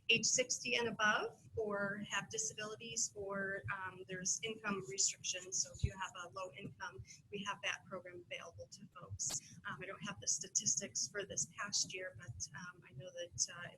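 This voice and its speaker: A woman presenting her community center to a panel audience, halting and full of fillers and restarts as she goes. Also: mid-range voice, creaky, background noise.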